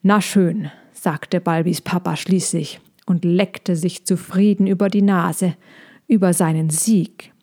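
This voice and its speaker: A woman reads a children's story aloud, her voice mellow and warm. Her narration is lively, with the rhythm of a bedtime storybook. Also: fairly low pitch, unhurried.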